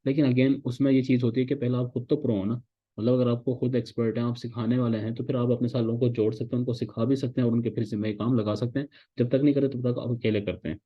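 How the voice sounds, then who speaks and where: A man's voice: mid-range voice, little pitch movement, quick pace. A man from Pakistan teaching a class of interns, explaining patiently and mixing in English phrases. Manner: explains patiently, repeats "ठीक है" often, mixes English phrases. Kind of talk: online class lecture. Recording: dull lo-fi sound.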